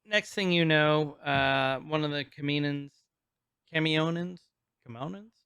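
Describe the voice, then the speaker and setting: A man's voice: fairly high pitch, fairly even intonation, unhurried, fairly bright tone, clean tone, no room sound, clean studio sound. A man co-hosting a podcast, casually recapping a show, rambling, laughing often and stumbling over names. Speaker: podcast co-host. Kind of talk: casual chat recapping an episode.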